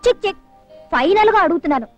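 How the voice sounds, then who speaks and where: A woman's voice: very high voice, expressive, fast, music in the background. A flighty, giggly college girl. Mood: playful. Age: young adult. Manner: playful, mixes in English. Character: flighty, giggly young college woman, pet phrase. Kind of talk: 1970s Telugu film acting.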